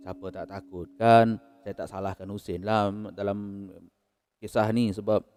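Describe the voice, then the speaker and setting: A man with a Malaysian Malay accent narrating a horror story in a casual, unhurried way, chuckling between beats. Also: on the low side, level tone, darkish tone, big-room sound.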